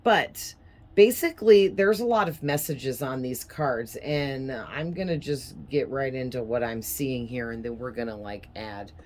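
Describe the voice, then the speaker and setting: Low-voiced woman rambling through a tarot reading. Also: a little slow, a little hiss or hum. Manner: rambling, chatty, with fillers and soft laughs. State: sinus infection, heavy breathing. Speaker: tarot reader.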